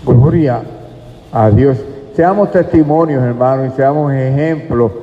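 Man, preacher, emphatic sermon, slow delivery, long reverb, dull lo-fi sound. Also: medium pitch, dark tone. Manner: emphatic, addresses listeners as brothers. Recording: echoey hall, dull lo-fi sound.

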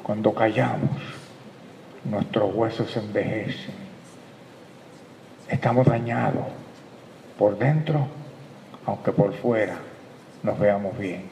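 A man preaching a sermon, calling his listeners brother and swinging from quiet reflection to loud, emphatic bursts. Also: fairly low pitch, slow pace, vocal fry, pauses often, a little hiss or hum. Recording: echoey hall, dull lo-fi sound, faint ambience.

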